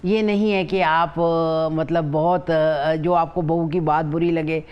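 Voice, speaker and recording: A woman's voice: deep voice, steady tone, takes it slowly, smooth, dull audio. An older woman with a Pakistani Urdu accent giving family advice as a guest on a TV morning show, in an earnest, motherly way. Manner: earnest, motherly, repeats herself.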